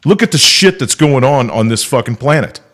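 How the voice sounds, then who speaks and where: A man's voice: medium pitch, animated, a little fast, fairly bright tone. A man co-hosting a casual talk radio show, ranting bluntly and swearing freely.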